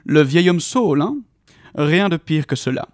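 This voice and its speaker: A man voicing a jolly, boisterous old forest dweller who talks in a hearty, booming, sing-song way. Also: animated, normal speed, no echo, studio quality, close to an everyday voice. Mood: jovial booming.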